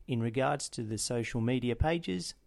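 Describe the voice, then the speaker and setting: A man hosts a football podcast in a measured, formal way. His voice sits at an ordinary middle pitch for a man, neither deep nor high. He reads a scripted intro and then moves into a conversational interview. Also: gravelly, a little mellow.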